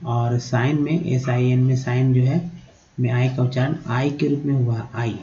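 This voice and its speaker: A man's voice: mid-range voice, fairly even intonation, a little slow, dark tone. A man teaching English phonics in Hindi, spelling words out letter by letter and checking in with "है ना?". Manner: explains letter by letter, repeating sounds and asking "है ना?". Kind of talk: Hindi-language phonics lesson. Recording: dull lo-fi recording.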